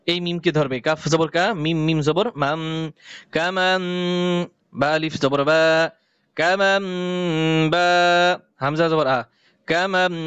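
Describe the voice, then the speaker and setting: A man teaching Quran reading to beginners, spelling out each letter and reciting the verses slowly and deliberately. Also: a little high, fairly bright tone, clear, resonant tone, no echo, highs cut off.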